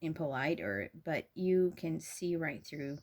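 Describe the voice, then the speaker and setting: Woman, tarot reader, lowish voice, earnest, effusive, halting ums, quick laughs. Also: expressive, darkish tone. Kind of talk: intuitive tarot reading to camera.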